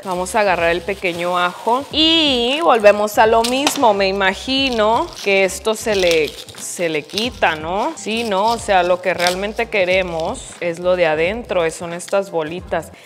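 A woman with a Mexican accent, a cooking vlogger, chats casually while cooking in her home kitchen, mocking herself and swearing freely. Her voice is medium-pitched and measured, with hardly any pauses. The phone-camera recording has a long reverb tail and background noise.

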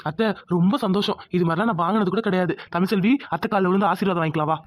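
A woman's voice: fairly low pitch, racing, no room sound, natural voice. A woman voicing an insistent young village husband in a cartoon. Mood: respectful. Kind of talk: cartoon voice acting.

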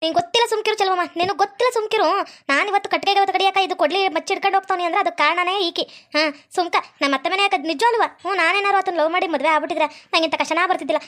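Brief: woman voicing bickering North Karnataka village wives for a cartoon; very high, rattling fast, scolding. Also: a bit bright. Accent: North Karnataka Kannada. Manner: quarrelsome, scolding, rapid-fire. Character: bickering young village women, sharp-tongued and dramatic. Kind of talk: comic cartoon voice acting.

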